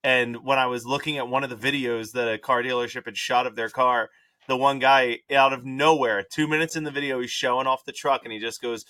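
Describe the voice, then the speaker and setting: Podcast guest guy, laughy playful movie chat, sharp bright sound. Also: medium pitch, fairly even intonation, a little fast. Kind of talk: casual movie review chat.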